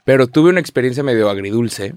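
A man's voice: medium pitch, animated, quick pace, darkish tone, no echo. A young man with a Mexican accent co-hosting a casual podcast, slangy and chatty, telling stories. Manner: slangy, storytelling, laughs often. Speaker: podcast co-host.

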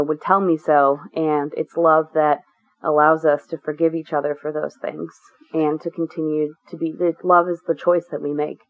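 A woman being interviewed as a guest, talking candidly and at length, with many fillers and restarts. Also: sits low. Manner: earnest, rambling with many fillers. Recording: tinny phone-like line.

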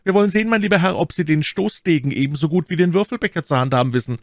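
A man's voice: a little high, very fast, no room sound, clean studio sound, voice pushed up, natural voice. A man reading an audiobook, voicing a bold, hot-headed young Gascon musketeer with brash, emphatic delivery. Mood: bold challenge.

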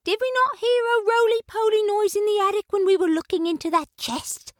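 A woman voicing a brisk, matter-of-fact neighbor cat. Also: extremely high pitch, very animated, fairly bright tone, no echo, studio quality, pitched above the performer's own voice, heavily acted.

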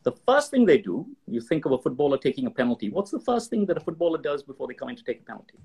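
Animated, husky-voiced man explaining. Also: fairly high pitch, very fast. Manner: animated storyteller, acts out examples in voices. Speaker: guest expert. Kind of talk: conversational interview.

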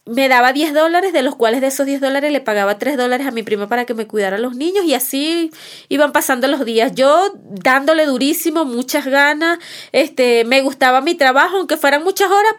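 High-pitched woman, mother telling her story on a podcast, heartfelt, repeats for emphasis. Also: brisk. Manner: acts out past conversations. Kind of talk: personal testimony podcast.

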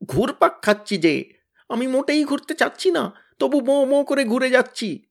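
A man voicing a bossy, blustering teenage boy who leads his gang with loud scolding commands. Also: mid-range voice, moderate pace, close to an everyday voice. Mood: panicked wailing.

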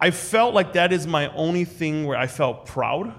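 A man guest, from the United States, telling animated stories at a live show, full of "like" and "you know". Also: fairly high pitch, moderate pace. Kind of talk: animated storytelling.

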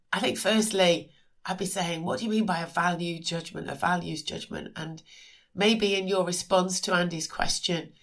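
A middle-aged woman with a croaky voice from a cold, hosting a podcast in a measured, reflective monologue. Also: fairly low pitch, fairly bright tone. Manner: measured, reflective delivery with occasional restarts. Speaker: podcast host.

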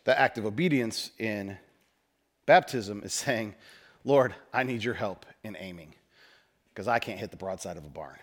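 A man preaching a conversational sermon, mixing folksy stories and self-deprecating humor, rising to loud emphasis and dropping to quiet asides. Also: fairly low pitch, moderate pace. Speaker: pastor.

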